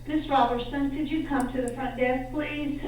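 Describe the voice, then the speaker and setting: High woman's voice on an echoey intercom page. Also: fairly even intonation, moderate pace. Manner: polite public announcement. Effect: intercom page over a loudspeaker. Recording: echoey loudspeaker page from far off.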